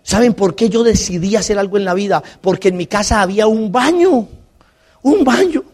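A Colombian man with a noticeably high-pitched voice gives a lively motivational talk. He tells stories and jokes and keeps turning to the audience with questions. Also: moderate pace. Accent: Colombian Spanish. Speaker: motivational speaker. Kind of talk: live storytelling talk to an audience.

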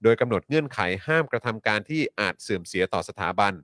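Fast-talking male news talk host. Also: on the low side, animated, a bit bright, no echo, clean studio sound. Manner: fast, polite, reads news items with many particles. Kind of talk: live news talk show.

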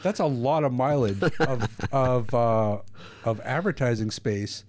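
A man's voice: medium pitch, measured pace, darkish tone. Joking, opinionated male podcast co-host. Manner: joking, opinionated, laughs often. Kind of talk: casual chat.

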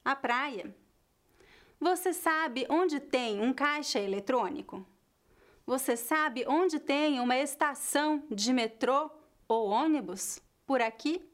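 A Brazilian woman teaching Portuguese phrases in a clear, deliberate way, with a Brazilian Portuguese accent. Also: high voice, lively intonation. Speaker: language teacher. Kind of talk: slow scripted lesson narration.

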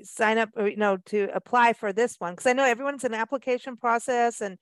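A woman with a fairly high voice hosts a casual interview. She is chatty and encouraging, wandering through her questions, and the sound is dry with no room echo. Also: fairly even intonation, brisk. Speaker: host.

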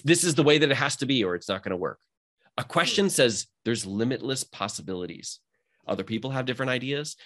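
Male coach, rapid motivational delivery, animated emphasis. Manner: energetic, motivational, rising pitch when emphatic. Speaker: mindset coach. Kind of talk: casual podcast conversation.

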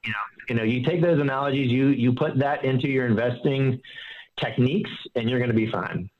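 A man's voice: medium pitch, fairly quick. Financial advisor guy explaining stuff with analogies, lots of restarts, kinda muffled audio. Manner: earnest and explanatory, fond of analogies, many restarts. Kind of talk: casual interview. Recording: dull, slightly lo-fi audio.

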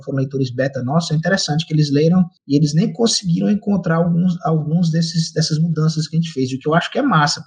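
A man's voice: fairly high pitch, a little mellow. A young Brazilian man, a comics artist, talking casually and rambling with lots of fillers and tag questions. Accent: Brazilian Portuguese. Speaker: comics artist and co-author of an adaptation. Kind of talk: conversational interview talk.

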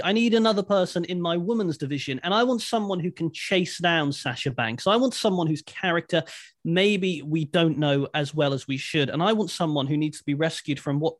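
A man with a fairly high voice co-hosts a casual podcast. He talks with emphatic enthusiasm. The sound is dry and close. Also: no echo. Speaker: podcast co-host.

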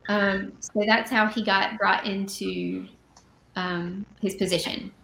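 Reading passages of scripture and then discussing them in a chatty, relaxed manner, a female podcast co-host leads a casual Bible study. Her mid-range voice carries a gravelly edge, she stumbles into fillers and fast self-corrections, and there's clear echo in the room.

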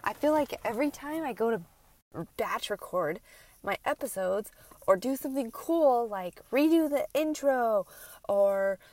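With a fairly high, slightly slow voice and no room sound, this woman hosts a solo podcast as a health coach for moms. Congested and nasal from a stuffy nose, she addresses listeners directly in an informal, animated way, emphatically repeating phrases for effect.

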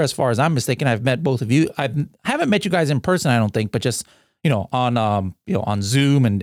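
This is a male podcast host from the United States, his medium-pitched voice captured cleanly in the studio without echo. The interview chat is casual and jokey, peppered with fillers and false starts.

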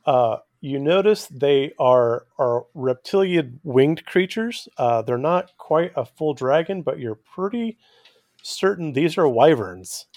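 A man's voice: a little high, animated, slow, darkish tone, dry recording, clean studio sound. A man running a tabletop game, narrating and refereeing in an explanatory way with hesitant phrasing. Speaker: game master.

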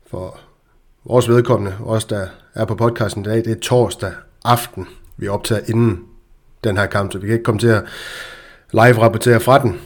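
A man's voice: on the low side, a little mellow. A man hosting a casual football podcast, chatty and hesitant, with frequent fillers. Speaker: podcast host.

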